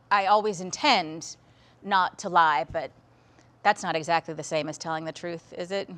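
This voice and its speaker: A woman's voice: fairly low pitch, a bit bright. Woman storyteller, wry and reflective, conversational monologue.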